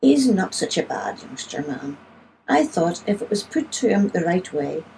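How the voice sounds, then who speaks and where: A woman's voice: lowish voice, sing-song, normal speed, vocal fry, darkish tone, slight background noise, low-quality recording. A woman voicing a canny, polite country poacher, a grown man who speaks deferentially and persuasively.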